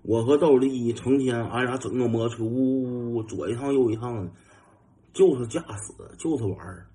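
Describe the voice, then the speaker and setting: A young man with a Northeastern Mandarin accent telling a funny anecdote in a lively, casual way, mimicking engine noises and chuckling. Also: mid-range voice, fairly quick. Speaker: storyteller.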